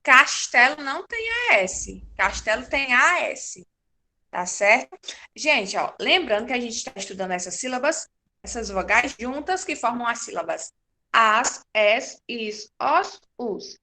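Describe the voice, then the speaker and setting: A woman teacher, giving a patient, slow-paced class to young children and confirming their answers. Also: a little high, very animated, bright, forceful tone. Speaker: primary school teacher.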